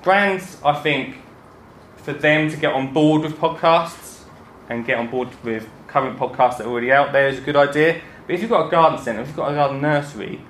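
Essex bloke doing a chatty jokey talk on stage, echoey room, bit of noise behind him. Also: male voice, a little high, a little fast, a bit bright. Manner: chatty, joking, self-deprecating. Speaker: gardening podcaster and speaker. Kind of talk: informal stage talk to an audience. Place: indoor talk before an audience, roomy space.

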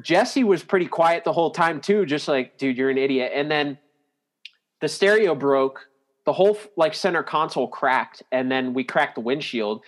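A man's voice: a little high, moderate pace. A man casually retelling an old road story, rambling and full of "like" fillers as he corrects himself mid-sentence. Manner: rambling, heavy use of "like", self-correcting.

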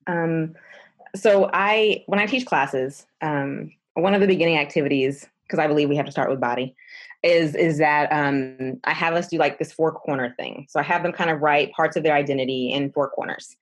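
A woman who teaches classes, explaining a classroom activity in a relaxed way. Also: deep voice, moderate pace. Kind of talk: conversational explanation.

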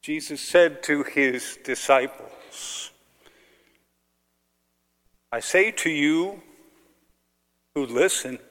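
A man reading the gospel aloud at a liturgy, unhurried and solemn, with pauses, in a long cathedral-like echo. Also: fairly high pitch, a bit bright. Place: large church. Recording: long reverb of a large church.

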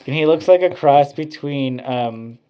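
A man's voice: a little high, measured pace, warm tone, smooth. Rambling man in casual chat. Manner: rambling, heavy use of "like" fillers.

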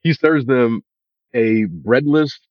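A man's voice: medium pitch, expressive, takes it slowly, no echo. A man heard over a video call, chatting casually about a movie, laid-back, with lots of "like" and "you know". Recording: dull lo-fi video call audio.

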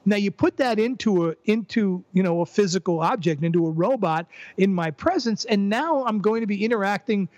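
High-voiced older man, thoughtful and halting. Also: lively intonation, darkish tone, no echo, dull audio. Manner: thoughtful, halting restarts, repeats words while building a point. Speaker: podcast guest, psychologist and former professor. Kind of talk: conversational interview.

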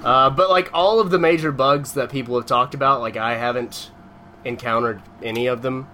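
Bright-voiced man telling a rambling story. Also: medium pitch, moderate pace, slight background noise. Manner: rambling, animated storytelling with many fillers. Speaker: podcast co-host. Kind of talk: casual chat.

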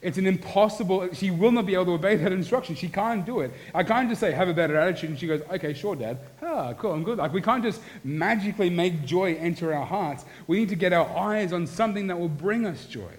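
A man's voice: high-pitched, fast, hardly any pauses, poor audio. Earnest male pastor preaching. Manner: earnest, swings from animated to hushed. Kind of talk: sermon.

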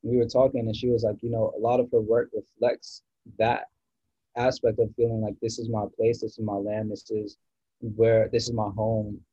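A man's voice: fairly low pitch, flat delivery, normal speed, dark tone, breathy edge, no echo, dull audio. A man from the US East Coast, a guest musician in a casual podcast chat, rambling and searching for words with many restarts.

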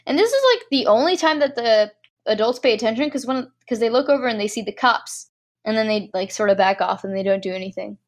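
A woman's voice: on the high side, fast. An eighteen-year-old woman co-hosting a podcast, recapping a movie in a rambling, self-deprecating way full of fillers. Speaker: podcast co-host. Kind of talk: casual movie recap chat.

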